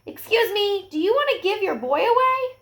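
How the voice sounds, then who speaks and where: An eager little storybook puppy, voiced by a woman reading aloud. He sounds earnest and childlike, with very polite manners and a voice that often lifts high when he calls out. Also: lively intonation, moderate pace, creaky, fairly bright tone, full character voice. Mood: polite calling out.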